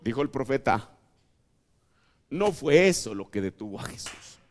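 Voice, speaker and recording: A male preacher giving a sermon in a church, dramatic, dropping to hushed asides and rising to shouts. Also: medium pitch, very animated, unhurried, slight background noise. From Mexico. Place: church tabernacle.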